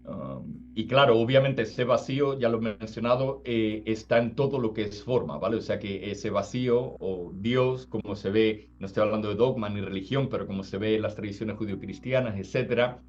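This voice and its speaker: A man's voice: lowish voice, fairly even intonation, normal speed, few pauses, darkish tone. A man giving an informal spiritual talk, casual, often checking whether the listener follows. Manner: casual, asks "does it make sense?" often. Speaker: spiritual teacher. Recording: slightly dull sound, faint music.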